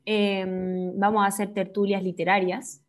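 A woman's voice: medium pitch, little pitch movement, a little slow. A young Chilean woman co-hosting a podcast, chatting casually in a bubbly, scattered way and laughing often. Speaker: podcast co-host. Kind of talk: casual chat.

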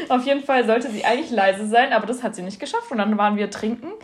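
A young woman with a high voice chatting on a podcast. She tells anecdotes animatedly, giggles often and talks casually. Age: young adult. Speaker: podcast co-host.

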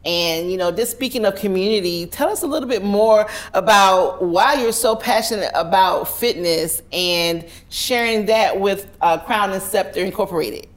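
A woman's voice: medium pitch, moderate pace, few pauses. A woman hosting an interview show, upbeat and encouraging, often chiming in with agreement. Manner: enthusiastic, affirming interjections. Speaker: host. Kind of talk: casual interview.

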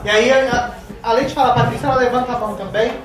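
A woman's voice: fairly high pitch, fairly even intonation, very fast, distant mic. A woman co-hosting a live podcast, affectionate and hyping up guests from the audience. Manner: affectionate, calls people "amor", hypes guests. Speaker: podcast co-host. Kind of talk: casual live podcast chat. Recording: roomy live recording from off-mic, audience noise.

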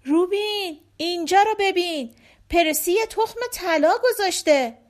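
A woman voicing an innocent, excited young girl in a storybook. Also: high voice. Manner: simple, excited.

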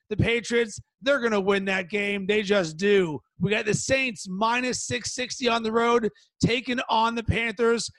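A man with a strikingly high voice hosts a sports betting show on his own. He talks in an emphatic, punchy way and leans on stretched words. The sound is dry and close. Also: a bit bright, no room sound, low-quality recording. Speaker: podcast host. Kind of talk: sports betting podcast monologue.

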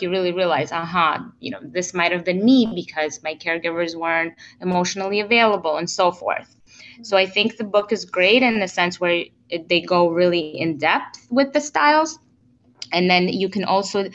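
A woman relationship coach explaining ideas in a relaxed interview, with plenty of fillers and restarts. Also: lowish voice, lo-fi sound.

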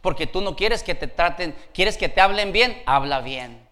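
A man preaching a sermon as pastor. He is lively and playful, laughs as he goes, and calls out to the congregation for responses. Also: sits high, moderate pace.

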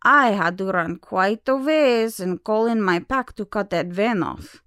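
A woman playing a cool, shrewd shapeshifter pack leader in an audio drama, measured, confident and teasing. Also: medium pitch, fairly bright tone, clean tone, no echo, clean studio sound, lightly acted. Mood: brisk concern.

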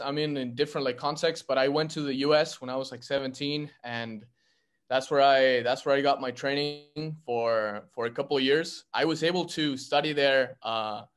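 A young man from Argentina talking casually in a group discussion, halting with lots of fillers and restarts. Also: medium pitch, fairly bright tone. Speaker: actor in a script reading.

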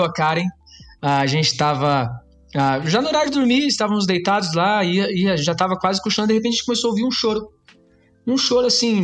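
Brazilian guy on a faith podcast, kinda high pitched, music faint in the back. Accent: Brazilian Portuguese. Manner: animated storyteller, quotes a book. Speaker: podcast co-host.

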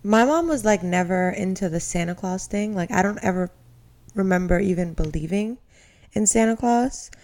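Woman, opinionated, mid-pitched casual talker. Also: normal speed, a little mellow. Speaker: podcast co-host. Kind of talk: casual chat.

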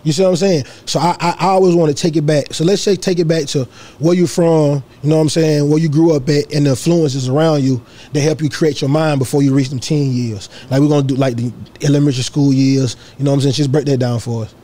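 A man's voice: a little high, fairly even intonation, fast talker, few pauses, mellow. A man interviewing a music artist in casual, slangy chat, often asking "you know what I'm saying".

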